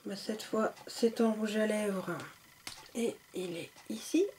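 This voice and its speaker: A woman's voice: medium pitch, steady tone, takes it slowly, a little mellow, slight background noise. A woman chatting casually as a beauty vlogger, enthusiastic and full of fillers. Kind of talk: casual product showcase.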